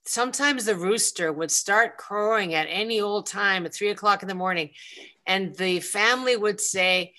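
A woman from Greece hosting a live online question-and-answer session, speaking slowly and hesitantly with many ums, on a video call. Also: mid-range voice, pushed and bright. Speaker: planetarium program host.

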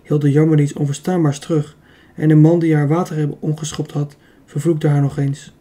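A man narrating a children's adventure audiobook in a steady, even reading. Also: fairly high pitch, moderate pace. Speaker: audiobook reader. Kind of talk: storybook narration.

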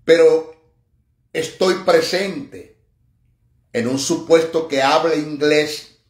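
A man preaching a sermon, emphatic and mocking, dropping to low asides and rising to high exclamations. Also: takes it slowly, reverberant. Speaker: pastor. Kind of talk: sermon teaching.

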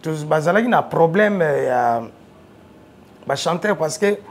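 His voice on the high side and his delivery unhurried, a man with a Congolese French accent chats about his music career while sitting on a sofa in a TV studio. He mixes French and Lingala and tells his stories with animation, rising in volume when excitement takes over.

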